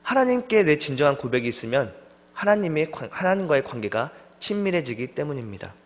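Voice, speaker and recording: Young man preaching, lively up-and-down voice, long church-hall reverb. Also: fairly high pitch, a little fast. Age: young adult. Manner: lively storytelling, acts out friends' voices. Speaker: junior pastor. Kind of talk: sermon. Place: church sanctuary.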